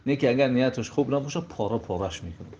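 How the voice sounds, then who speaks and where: A male preacher tells stories as a sermon. His voice surges high and loud at emotional moments, then sinks to near-whispered lows. The recording is dull and lo-fi, with a faint hiss underneath. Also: lively intonation. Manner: swings from raised emotional peaks to hushed low passages. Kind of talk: sermon storytelling.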